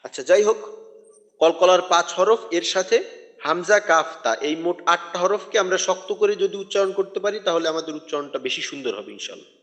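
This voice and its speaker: A man leads a recitation lesson in a fairly high voice. He patiently repeats each sound slowly so his students can follow. The recording carries a long, ringing reverb. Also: fairly bright tone. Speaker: Quran recitation teacher. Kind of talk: online tajweed lesson.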